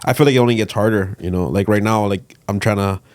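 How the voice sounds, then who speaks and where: A male comedian hosting a podcast, who talks in a halting, casual way and laughs between thoughts. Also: fairly low pitch, a little mellow, no room sound.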